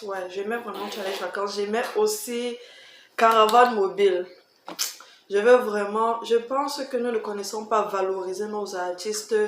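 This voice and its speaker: A woman's voice: medium pitch, a little hiss or hum. A woman with a Cameroonian accent chatting casually for a vlog, emphatic, repeating herself and tossing in rhetorical questions. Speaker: vlogger answering tag questions. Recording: roomy echo, faint background music.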